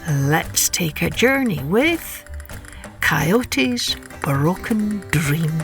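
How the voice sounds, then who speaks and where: A woman hosting a children's story podcast, reading scripted tales in an expressive, carefully phrased way. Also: fairly low pitch, drawn-out words, faint music behind.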